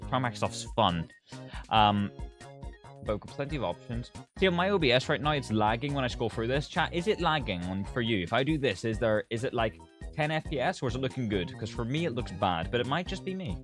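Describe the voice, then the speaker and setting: A man's voice: mid-range voice, fairly bright tone. A young man streaming live to his chat over a headset mic. He talks casually, swears freely and speaks straight to his viewers.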